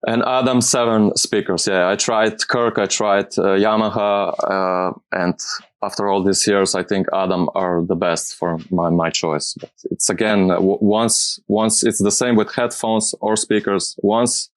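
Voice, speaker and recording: A man who speaks English as a second language, giving casual interview answers and searching for his words in a halting way. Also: on the low side, fairly even intonation, no echo. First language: not English. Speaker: music producer being interviewed.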